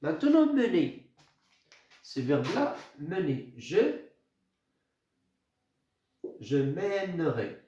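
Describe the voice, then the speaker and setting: A man teaching a grammar lesson, speaking slowly, repeating words and spelling out letters. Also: on the high side, animated, darkish tone, slight background noise. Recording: echoey room, dull lo-fi sound.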